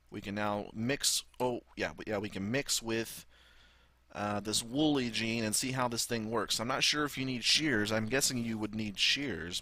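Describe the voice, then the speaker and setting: Southern guy doing gameplay commentary, lowish bright voice, rambles n swears a lot. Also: no room sound. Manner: rambling, sweary, thinking aloud. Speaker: gaming video host.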